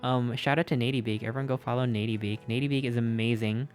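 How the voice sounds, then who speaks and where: A streamer gushes over fan art in casual live-stream chat, excitable, repeating himself and a little out of breath. The mid-range voice moves fast, with faint music playing in the background.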